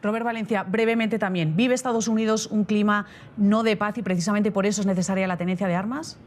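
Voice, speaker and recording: A woman's voice: mid-range voice, fairly even intonation, fast, a little hiss or hum. A woman news host moderating a live debate, posing questions with brief hesitations.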